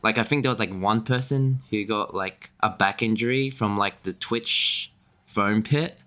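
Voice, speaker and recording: Rambling low-voiced male streamer. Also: unhurried, sharp tone. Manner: rambling, filler-heavy with frequent restarts and chuckles. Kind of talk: casual chat while gaming.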